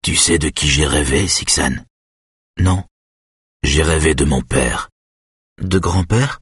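Man voicing stubborn father in his 60s, deep, husky, curt, dry. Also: takes it slowly, a bit bright, no room sound, full character voice. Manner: curt, low commands. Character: injured older father, stubborn and commanding.

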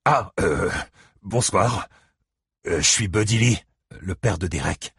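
Man voicing gruff older granddad, deep husky, hesitant, dry close read. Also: normal speed, dry recording. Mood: awkward. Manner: hesitant, stumbling speech.

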